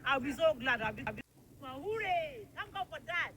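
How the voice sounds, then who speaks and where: A woman's voice: high-pitched, big pitch swings, normal speed, fairly bright tone, a little hiss or hum. A woman playing a sassy defiant wife. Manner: sassy, retorting. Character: defiant wife following an online influencer.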